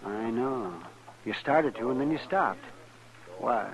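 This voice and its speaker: Fussy old west doc, sardonic, hems and haws, voice goes up and down, old radio western. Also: male voice, mid-range voice, lively intonation, slow pace, crowd noise, poor audio. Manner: sardonic, hemming and hawing. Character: wry, fussy, talkative older frontier doctor. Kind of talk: 1950s radio western acting.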